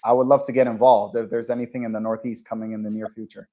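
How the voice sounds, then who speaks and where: A man's voice: medium pitch, level tone, fast, mellow. A man hosting a casual podcast conversation, talking in an enthusiastic, encouraging way. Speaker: podcast host.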